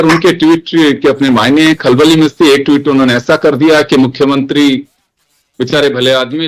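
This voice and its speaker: A male news host leading a studio panel. His voice sits a little higher than most men's, and he sets up the discussion with emphatic, rhetorical phrasing. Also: rough recording. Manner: emphatic, rhetorical framing of the topic.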